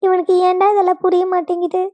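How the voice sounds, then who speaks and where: A woman's voice: very high voice, monotone, quick pace, mellow. A woman voicing a grieving older mother-in-law with a Kongu Tamil accent, wailing and scolding in a family drama. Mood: bitter.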